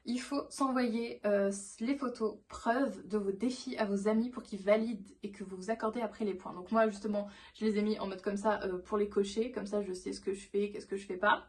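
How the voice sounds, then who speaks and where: A young woman chatting casually to her viewers as a vlogger. Her pitch sits in a typical middle range. She rambles enthusiastically and often stops to restart a sentence. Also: steady tone, fairly quick, hardly any pauses, darkish tone. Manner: rambling, with many fillers and restarts. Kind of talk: casual vlog chat.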